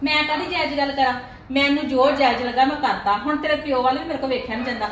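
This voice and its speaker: A fairly high, coaxing aunt, played by a woman in a family web drama, explaining things patiently to her nephew. The voice sounds roomy and echoey. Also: steady tone, fast talker, fairly bright tone. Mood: pleading. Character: reasoning paternal aunt mediating a family quarrel. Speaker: aunt called to settle a dispute.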